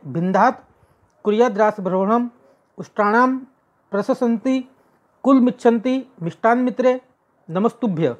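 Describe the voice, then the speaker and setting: A woman's voice: mid-range voice, a little mellow. A woman teacher explaining a textbook lesson, going through words one by one, repeating herself and correcting her slips. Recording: dull lo-fi recording.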